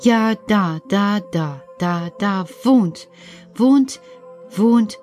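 A woman's voice: medium pitch, lively intonation, very slow, a little mellow, faint music behind. A woman voicing Petra, a dreamy female puppet character reciting rhymes in a sing-song way.

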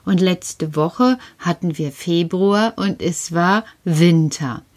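A woman presenting a children's show, chatting with a puppet figure and musing aloud slowly. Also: lowish voice, darkish tone. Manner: slow, musing, wondering aloud.

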